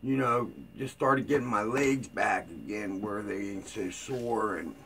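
Slow, gravelly older man vlogging. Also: lowish voice, fairly bright tone, slight background noise. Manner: rambling, loose and informal, with many fillers and restarts. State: tired. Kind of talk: casual rambling vlog chat.

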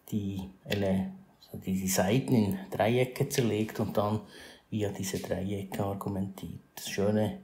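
A man explains geometry in a screencast lesson. His voice is mellow and relaxed, and he talks it through with fillers and self-corrections. The recording carries a noticeable room echo. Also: lowish voice. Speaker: math teacher.

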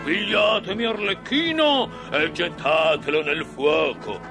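A man voicing a huge bearded puppet master, gruff and booming, talking slowly. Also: over music. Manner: booming, slow, growling.

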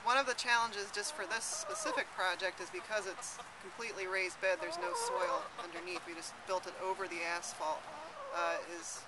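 A young woman who runs an urban farm answers interview questions outdoors in a city garden, with loud outdoor noise around her. Her medium-pitched voice is sing-song and normal in speed, with hardly any pauses, and she's thoughtful, with many fillers and restarts.

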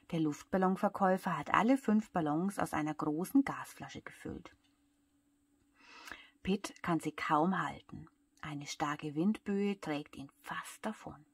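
A woman with a German accent reading a bedtime story to young children in a soft voice that often drops to a whisper. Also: sits low, breathy edge. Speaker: childcare worker reading aloud.

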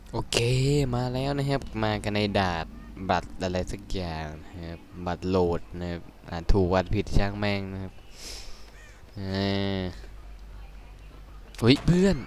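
A young man giving casual, excitable game commentary, swearing crudely and yelping at scares. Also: low voice, normal speed, slight background noise. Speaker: gaming streamer.

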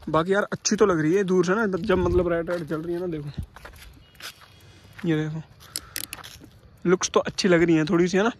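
A man's voice: high voice, fairly even intonation, normal speed, pauses often. A young man giving a casual, chatty walkthrough of a motorbike for his vlog, talking to viewers and his cameraman outdoors at dusk. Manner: chatty, addresses viewers as bhai, directs cameraman. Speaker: bike vlogger. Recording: faint outdoor street noise.

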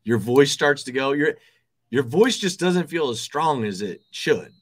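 A TV sports director in his thirties offers confident, emphatic sports analysis over a video call from an indoor office with desks, repeating words for stress. It's a casual chat, and his mid-range voice is animated at a measured pace.

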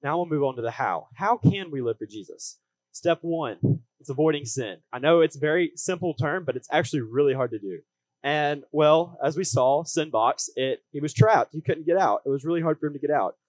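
A man's voice: a little high, expressive, a little fast, dry recording, poor audio. A young man, preaching a youth service message from notes in plain, earnest, short phrases. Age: late teens. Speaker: student speaker at a church youth service. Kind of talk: youth sermon read from notes at a lectern. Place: church hall stage, indoors.

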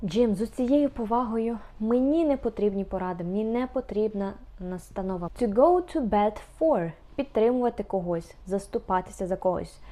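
Young female language teacher, warm mellow tone, careful and repetitive delivery. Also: mid-range voice. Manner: slow, careful, repeats phrases, hesitant fillers. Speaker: English teacher. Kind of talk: explaining English phrases.

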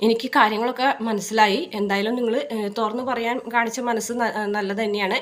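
A woman's voice: fairly high pitch, steady tone, brisk, natural voice. A woman voicing a dignified older father who speaks politely and with composure. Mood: composed.

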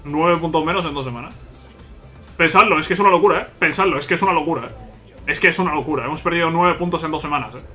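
His voice on the high side and his delivery fast, a gaming YouTuber narrates his own football video game session for viewers as faint music plays. He rants in frustration, swearing and repeating that the game is unfair, until a big play makes him shout with loud excitement.

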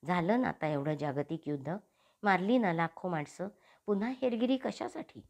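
A woman's voice: lowish voice, normal speed, darkish tone, natural voice. A woman voicing an earnest, compassionate male spiritual thinker in an audiobook, pleading in inner monologue. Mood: reflective. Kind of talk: audiobook character reading.

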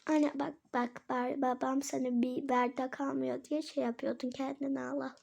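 A woman's voice: high voice, level tone, moderate pace, creaky, a little mellow. A woman voicing a cheeky, know-it-all young daughter in toy play, pleading for toys and explaining things to her mother.

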